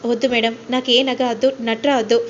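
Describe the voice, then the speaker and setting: A woman's voice: a little high, little pitch movement, fast talker, lo-fi sound, slight background noise, close to an everyday voice. A woman voicing a clever young wife who speaks politely but coolly mocks her rival. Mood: meek. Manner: polite on the surface, coolly mocking.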